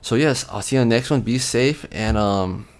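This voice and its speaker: A man hosting a collecting channel, giving casual advice straight to camera in a relaxed, rambling way, with frequent ums and repeated words. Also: medium pitch, normal speed.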